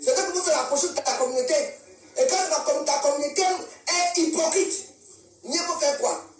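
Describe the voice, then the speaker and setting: A woman's voice: sits high, normal speed, recorded from a distance. A woman from Cameroon, ranting defiantly on a live stream and repeating her points. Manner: defiant, confrontational, repeats herself. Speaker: social media live streamer. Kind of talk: angry live-stream rant. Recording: echoey room, voice from off the mic, faint music.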